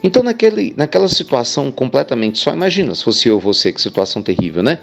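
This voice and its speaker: A man's voice: medium pitch, sing-song, fast, gravelly, soft background music. A man, a spiritual speaker telling an inspirational story in a chatty way. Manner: chatty, addresses listeners as "gente" with frequent "né".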